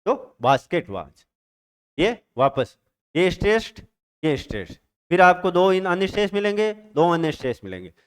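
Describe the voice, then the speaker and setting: Man, teacher, exam-prep lecture, high and smooth voice, answers his own questions. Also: big pitch swings, unhurried. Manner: mixes English terms into Hindi.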